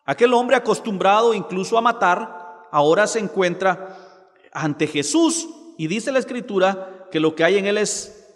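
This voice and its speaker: A man preaching a sermon, slowing down to quote scripture dramatically. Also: high-pitched, lively intonation, big-room sound. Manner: preaching with dramatic slow quotations.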